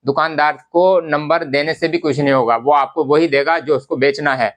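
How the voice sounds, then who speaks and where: A man's voice: a little high, steady tone, normal speed, fairly bright tone. A man, casually explaining fabric quality to viewers and repeating his points. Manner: conversational, repetitive, addresses viewers as brothers. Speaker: garment business vlogger. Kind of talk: casual instructional talk to camera.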